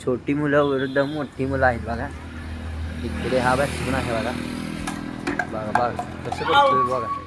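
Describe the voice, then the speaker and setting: A man gives excited running commentary on a game of rooftop cricket for his vlog, calling out to the kids and to his viewers. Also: medium pitch, unhurried, long pauses, heavy background noise. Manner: lively, calls out to kids and viewers. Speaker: vlogger. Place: outdoor rooftop terrace.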